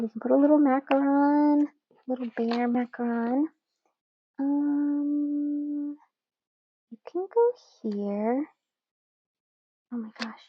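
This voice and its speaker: A young woman chatting casually while she journals at home, relaxed and giggly, with lots of fillers. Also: on the high side, no room sound, highs cut off. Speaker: journaling channel host.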